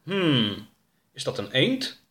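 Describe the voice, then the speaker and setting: A man voicing a stern, suspicious man of about fifty in a storybook reading, gruff and commanding. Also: medium pitch, wildly swooping pitch, slow, fairly bright tone, voice pushed up, exaggerated voice. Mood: calm.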